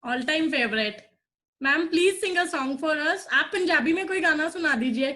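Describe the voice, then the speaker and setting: A woman's voice: sits high, bright, forceful tone. A woman hosting an online class celebration over a video call, mixing Hindi and English and politely calling everyone ma'am. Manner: polite, slow and drawn out, calls everyone ma'am. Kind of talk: cheerful host chat mixing Hindi and English.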